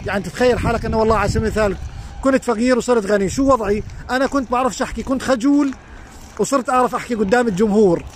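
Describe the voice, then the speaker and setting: A man's voice: very high-pitched, rapid-fire, slight background noise. A man with a Levantine Arabic accent gives earnest advice as a life coach on a live stream, speaking outdoors beside a lake into a phone. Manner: earnest, advising, addresses viewers directly.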